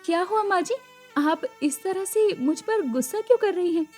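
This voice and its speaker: A woman's voice: very high voice, animated, moderate pace, darkish tone, soft background music, pitched above the performer's own voice. A woman voicing a meek young daughter-in-law in a cartoon story, speaking in a timid, pleading way.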